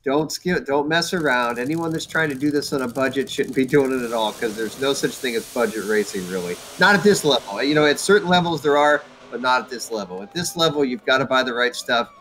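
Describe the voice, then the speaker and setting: A man's voice: mid-range voice, a little fast, few pauses, fairly bright tone, slight background noise. A man, a guest racing tuner, giving blunt, salty advice in casual talk over a video call.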